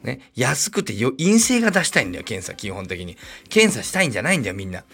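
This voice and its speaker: A middle-aged man with a gravelly, slightly husky voice tells a personal story in a loose, rambling podcast chat. His pitch swings freely up and down as he adds wry asides, and soft music plays faintly behind him. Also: sing-song, fast. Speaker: podcast host. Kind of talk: casual storytelling monologue.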